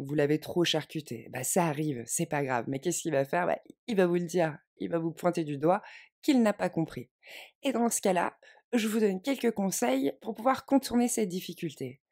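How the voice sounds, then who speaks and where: A woman teaching an online language lesson, speaking in a clear, measured, reassuring way and stressing key phrases. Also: on the low side, dark tone. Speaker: English teacher.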